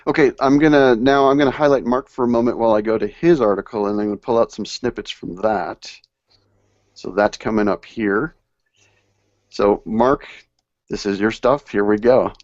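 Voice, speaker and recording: A man's voice: fairly low pitch, steady tone, normal speed, darkish tone, dry recording, lo-fi sound. A man hosting a live online panel discussion, reading passages aloud and stressing key words. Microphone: video call.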